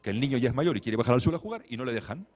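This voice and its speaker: A man gives a lecture while commenting on a video. He talks in a lively, wry way and acts out what the children and mothers say. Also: mid-range voice, rapid-fire. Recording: long hall reverb.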